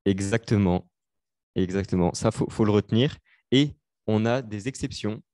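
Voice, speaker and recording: Young man tutoring, halting with fillers. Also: lowish voice, dark tone, no echo, studio quality. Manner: hesitant, many fillers, explains step by step. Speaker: student tutor. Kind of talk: live online revision session.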